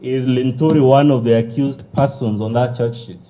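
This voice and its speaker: A man, a lawyer cross-examining a witness with forceful, combative questions. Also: mid-range voice, steady tone, normal speed. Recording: muffled lo-fi broadcast audio.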